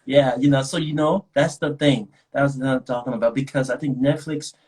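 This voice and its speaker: Against crowd noise, a young adult actor with a Nigerian accent talks as a guest in a casual video chat, rambling with plenty of restarts and laughter. His medium-pitched voice keeps a steady tone at a fairly quick pace.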